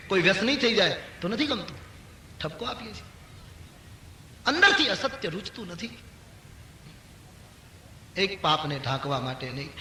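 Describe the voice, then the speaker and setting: Older man preaching, bright and echoey. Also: a little hiss or hum. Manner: rises sharply for emphasis, drops low for storytelling. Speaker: spiritual storyteller. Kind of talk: devotional discourse with chanted verse. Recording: echoey hall with faint ambience.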